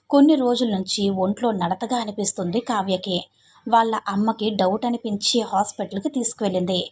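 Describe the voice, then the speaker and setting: A woman's voice: mid-range voice, a little mellow, slight background noise. A woman narrating a dramatic story, often correcting herself mid-sentence.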